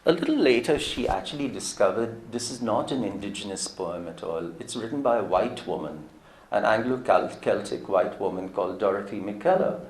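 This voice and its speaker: A man's voice: on the low side, animated, moderate pace. A man giving a public lecture, telling a story in a reflective, anecdotal way and quoting others in his own voice.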